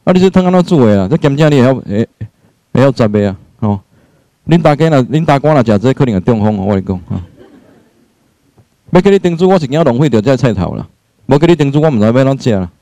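A man's voice: mid-range voice, big pitch swings, fast, dark tone, no room sound, voice pushed down. A man acting out a nagging old mother-in-law who scolds and finds fault. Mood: scolding. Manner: scolding, grumbling, fault-finding.

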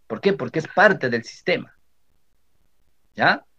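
Man, Peruvian Spanish accent, instructor, step-by-step tutorial, checks in often, fairly high voice, slightly dull lo-fi sound. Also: expressive, slow pace, sharp tone, slightly rough. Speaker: teacher training instructor. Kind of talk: screen-recording software tutorial. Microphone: computer microphone.

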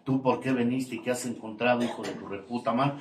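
His medium-pitched voice stays steady and a little mellow while he talks a little fast. The older Mexican-accented man delivers crude, mocking testimony to a support group, swearing constantly, confronting people and laughing at his own barbs. The mic is distant in an echoey room with faint background noise.

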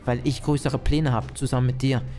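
A man's voice: medium pitch, little pitch movement, brisk, dark tone, soft background music. A man in a game roleplay, talking in a cocky, theatrical, mock-serious way. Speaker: roleplay player and video creator.

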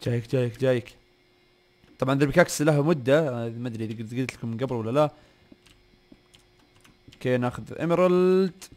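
Rapid-fire young gamer host. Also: male voice, mid-range voice, darkish tone. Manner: rapid, repeats short words in bursts. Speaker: gaming channel host. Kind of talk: excited gameplay commentary.

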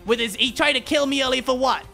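A man with a Sheffield accent voicing a scrappy, scheming male garbage rat who rambles excitably in a game role-play. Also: very high voice, fast talker, gravelly, soft background music, heavily acted. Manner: rambling, excitable, shouts in bursts. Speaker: streamer.

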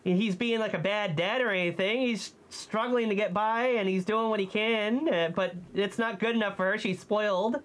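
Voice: medium pitch, fairly even intonation. Reviewer talking through a costume head, lots of uhs and restarts, chatty. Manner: halting, with many fillers and restarts. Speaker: movie review co-host. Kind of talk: casual movie review chat.

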